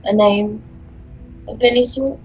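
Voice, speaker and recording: A woman playing a gentle woman who coaxes a stranger to remember his name, in a tabletop game. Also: fairly high pitch, fairly even intonation, a little slow, lo-fi sound, faint music behind, close to an everyday voice. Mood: coaxing.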